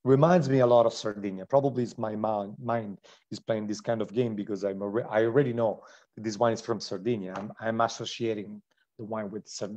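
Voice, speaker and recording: A man's voice: fairly low pitch, dark tone, lo-fi sound. A man with an Italian accent hosting a live online wine tasting, describing wines with enthusiasm and frequent restarts. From Italy.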